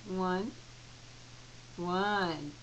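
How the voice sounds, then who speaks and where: A woman's voice: lowish voice, extremely slow, slight background noise, rough recording. A mother in a home video, coaxing her toddler with repeated sing-song prompts. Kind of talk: home video baby talk.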